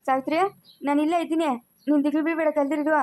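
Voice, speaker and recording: Woman playing a gentle older village man. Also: sits high, flat delivery, rapid-fire, lightly acted. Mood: comforting. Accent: rural Chikkaballapur Kannada. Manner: soft, comforting.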